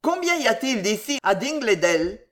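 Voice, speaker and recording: A narrator voicing an excitable, easily outraged elderly gentleman in an audiobook, his lines loud and exclaimed. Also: mid-range voice, normal speed, pitched above the performer's own voice. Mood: calling out.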